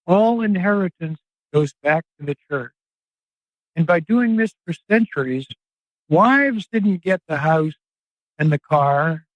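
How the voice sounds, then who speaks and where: An older man speaking as an investigative reporter and guest, in an earnest, emphatic interview monologue with drawn-out phrasing. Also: on the high side, dry recording. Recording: dry, slightly dull podcast audio.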